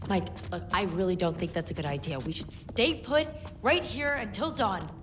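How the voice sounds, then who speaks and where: A woman's voice: mid-range voice, big pitch swings, moderate pace, noisy background, close to an everyday voice. An actress playing an anxious, cautious young woman in a video game who keeps asking worried questions.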